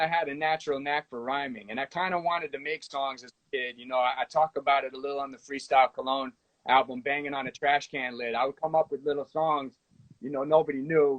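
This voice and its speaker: A man in his late thirties from the United States, a musician talking through his life story in a relaxed, rambling way, on a phone during a live video call. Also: medium pitch, dry recording. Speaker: guest musician. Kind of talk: casual interview chat. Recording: tinny phone-line audio, dry.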